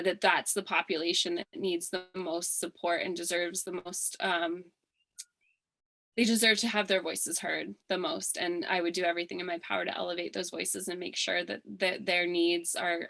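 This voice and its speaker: Woman, candidate, from Hawaii, earnest, halting, lots of fillers, bright tone. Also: lowish voice, creaky, low-quality recording. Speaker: political candidate. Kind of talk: candidate forum interview answers.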